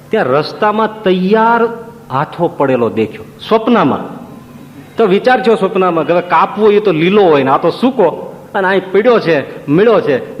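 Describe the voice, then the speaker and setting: A man's voice: a little high, a little hiss or hum. Male preacher in a reverberant hall. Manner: storytelling with rhetorical questions. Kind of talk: devotional sermon storytelling. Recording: long reverb, dull lo-fi sound, faint ambience.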